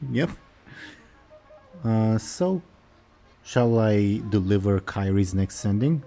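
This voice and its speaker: A man's voice: fairly low pitch, animated, slow, dark tone, faint music behind. A man running a tabletop role-playing game as game master, narrating casually and putting questions to the players.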